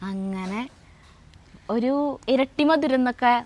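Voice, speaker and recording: Middle-aged woman, chatty home storyteller, slightly high voice, kitchen setting. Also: slow pace, darkish tone. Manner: chatty, many fillers and self-corrections. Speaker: co-host of a family cooking vlog. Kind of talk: casual storytelling.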